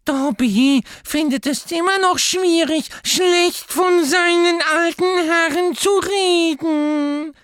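Brief: a tiny devoted elf, very high squeak, drawn-out emphatic words, dry close recording. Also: male voice, a bit bright, dry recording, exaggerated voice. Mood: eager. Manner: talks of himself by name, slow and emphatic. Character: small male house-elf, eager, loyal, excitable.

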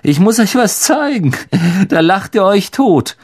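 A man's voice: high-pitched, sing-song, a little slow, darkish tone, pitched above the performer's own voice, exaggerated voice. A man voicing an arrogant, scornful teenage schoolboy with a sneering way of talking.

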